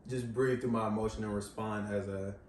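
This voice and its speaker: A young adult man sits on a living-room couch as a guest in a discussion, speaking thoughtfully in long reflective strings during a casual chat. His lowish, darkish voice holds a steady tone at a slightly fast pace. A distant camera captures roomy sound with faint hiss.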